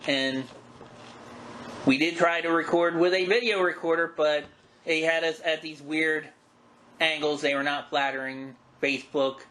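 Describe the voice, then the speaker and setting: A man's voice: on the high side, fairly even intonation, a little slow, sharp tone. A middle-aged man hosting a podcast, chatting casually and reminiscing in a folksy, wry, self-deprecating way. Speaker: podcast host. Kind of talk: casual chat, reminiscing about wrestling. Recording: roomy echo with background noise.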